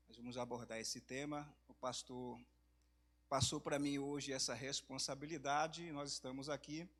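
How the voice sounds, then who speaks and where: A hoarse man from Brazil preaching in a church, speaking slowly and softly, with louder passages when reading scripture. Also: a little high. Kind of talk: sermon.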